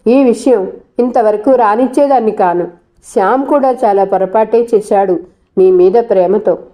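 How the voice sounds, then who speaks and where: A woman's voice: a little high, mellow, close to an everyday voice. A woman reading as a stern old grandmother. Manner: authoritative, scolding. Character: stern elderly grandmother, scolding and commanding.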